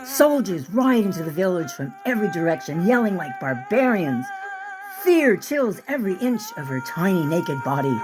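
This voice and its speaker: A woman author reading excerpts from her own novel in a vivid, expressive storytelling manner. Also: on the low side, moderate pace, music in the background. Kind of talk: dramatic audiobook-style reading.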